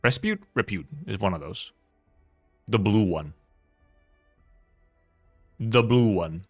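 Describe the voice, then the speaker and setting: A man streams a video game, rambling casually and thinking aloud with hesitation and repeated words. His lowish voice moves slowly, captured in a dry, studio-quality recording with faint game music behind it.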